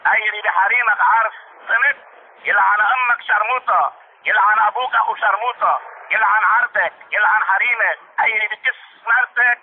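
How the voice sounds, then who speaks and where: A prank caller with a Lebanese accent, husky and high-pitched and fairly quick, pretends to be a furious, foul-mouthed man. The tinny phone audio carries his insistent, repetitive tirade full of insults.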